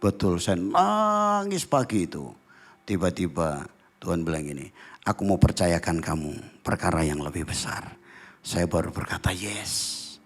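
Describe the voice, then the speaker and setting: Lively pastor preaching. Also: male voice, low voice. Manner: animated storytelling, voices God's words, breaks into song. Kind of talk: sermon with sung worship lines. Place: church hall.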